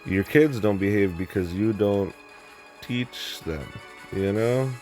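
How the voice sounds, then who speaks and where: Young man, very deep voice, rambling, blunt, profane, casual storytelling, faint background music. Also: normal speed, dark tone. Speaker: vlogger.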